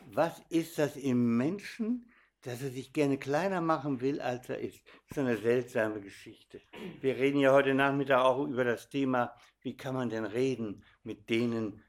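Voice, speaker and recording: A man's voice: mid-range voice, normal speed. An older man giving a sermon, telling stories and speaking directly to his listeners. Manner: animated storytelling, addresses audience directly. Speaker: preacher.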